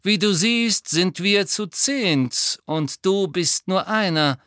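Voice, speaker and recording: A drawling, mocking dark wizard of noble airs, as a man puts him on in an audiobook. The voice sits higher than a plain speaking voice and has a bright, cutting edge. Every word drips with contempt, and the recording is dry and close. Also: expressive, slow, no room sound, exaggerated voice. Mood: drawling sneer. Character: sneering aristocratic male dark wizard. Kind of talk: audiobook character voice.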